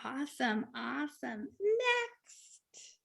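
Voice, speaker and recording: A woman with a high, bright, ringing voice hosts an online improv show over a video call. She is upbeat and cheerful, and she often repeats her praise. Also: sing-song, drawn-out words, gravelly. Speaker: host.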